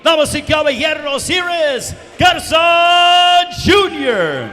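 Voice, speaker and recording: High, forceful lucha libre announcer in a booming hall. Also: male voice, animated. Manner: drawn-out, proclaiming introductions. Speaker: ring announcer. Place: wrestling event venue, over the PA. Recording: long booming arena hall reverb.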